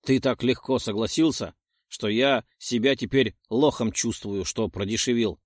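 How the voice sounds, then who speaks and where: Guy doing a sly greedy troll, slow haggling, dry close sound. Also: medium pitch, dry recording, close to an everyday voice.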